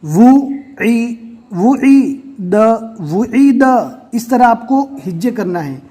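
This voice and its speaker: Quran teacher doing a recorded lesson, warm soft tone, sounds out each syllable slowly. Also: mid-range voice, lively intonation, breathy edge. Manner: patient, explains slowly, then sounds out syllables one by one. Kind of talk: step-by-step recorded reading lesson.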